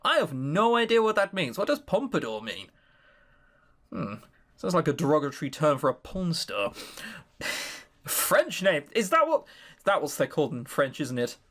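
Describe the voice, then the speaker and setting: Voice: medium pitch, sing-song, moderate pace, long pauses, a bit bright. A narrator reading a story aloud in a playful, dramatic way, dropping in irreverent ad-libbed comic asides. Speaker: narrator voicing the characters. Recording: music behind the voice.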